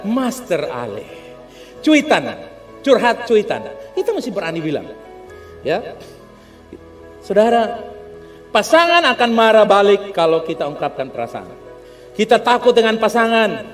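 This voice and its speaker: A man preaching a humorous, animated sermon, calling on the congregation to respond. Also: high voice. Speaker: pastor. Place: church hall. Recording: long church hall reverb with faint music.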